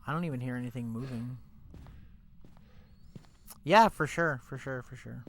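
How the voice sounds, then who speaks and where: A man's voice: medium pitch, normal speed. A young man with a stuffy, congested voice chats casually and rambles with lots of fillers while live-streaming a game. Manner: chatty, rambling, many fillers like "like" and "you know".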